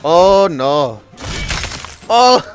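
A man giving casual, excitable gaming tournament commentary in an informal way, ready to break into shouts. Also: a little high, extremely slow, over music.

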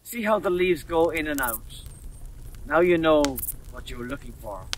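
A man voicing a calm, wise male wolfhound who teaches the children, heard from a slightly distant mic. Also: fairly high pitch, normal speed, a little hiss or hum, natural voice.

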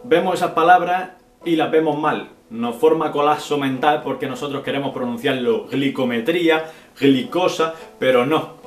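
A young man from Spain, answering viewer questions in a casual vlog, clipping words and tagging sentences with "right?". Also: medium pitch. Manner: chatty, drops syllables as "pa'", frequent "¿vale?" and "¿no?". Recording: echoey room with faint guitar music.

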